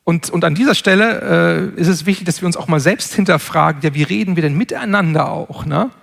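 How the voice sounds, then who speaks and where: High-voiced, gravelly man lecturing earnestly. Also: fairly bright tone. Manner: measured, earnest, with frequent word repetitions. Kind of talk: spoken lecture.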